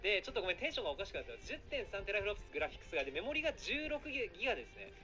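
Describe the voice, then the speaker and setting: A man chatting casually on a live stream, excitable and rambling, often apologizing for being too loud. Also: high-pitched, rapid-fire. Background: background music.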